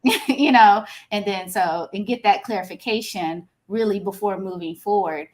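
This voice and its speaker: A woman panelist answering a question, measured and thoughtful, with frequent fillers as she thinks aloud. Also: medium pitch, a little mellow.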